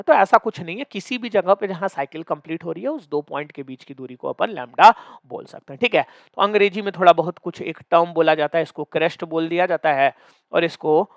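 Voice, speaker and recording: A young man teaches physics for exam prep, his voice a touch higher than most men's. He coaxes and teases his students, asking again and again whether they follow. The sound is dry and close, with no room echo. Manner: playful, coaxing, calls students "beta"; asks checking questions often. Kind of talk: online exam-prep lecture.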